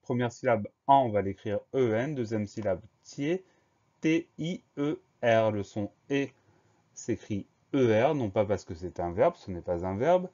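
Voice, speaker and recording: A man teaching a French spelling lesson, slowly spelling each word letter by letter and explaining the grammar. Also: lowish voice, expressive, warm tone, muffled recording. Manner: slow, methodical, spells words letter by letter.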